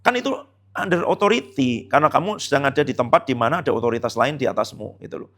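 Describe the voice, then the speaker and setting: A male pastor gives a casual, conversational sermon in a church service. He sounds chatty and teasing, and often drops into hushed asides. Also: medium pitch, animated, fast.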